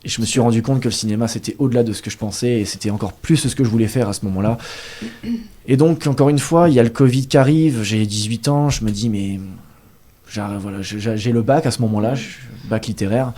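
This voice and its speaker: Brief: twenties male guest, easygoing storyteller, natural conversational delivery, mid-pitched. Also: fast. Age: 20s. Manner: chatty, animated storytelling with fillers. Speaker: guest actor. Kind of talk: casual interview chat.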